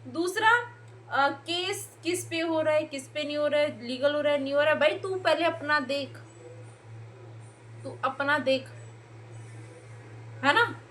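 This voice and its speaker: A young woman with a high, bright voice tears into her online rivals in a heated reaction video. She scolds and jeers, and she mimics the people she mocks with sarcastic edge. A faint hiss of noise sits under her voice. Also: a little slow, long pauses. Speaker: YouTube reaction commentator.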